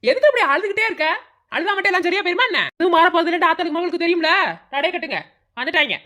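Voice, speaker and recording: A woman plays a domineering old village grandmother in a cartoon, rattling off orders fast in a Madurai accent. Her voice is high, bright and cutting, always bossing and scolding. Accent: Madurai Tamil. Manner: scolding, bossy, sharp-tongued. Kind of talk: cartoon voice acting.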